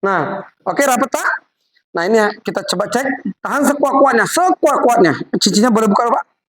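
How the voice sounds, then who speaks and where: In a mid-range voice at a fairly quick pace, this MLM presenter gives a live product demonstration to a group, directing volunteers in a chatty, coaxing manner. Audio is poor, with crowd noise from the audience in the background.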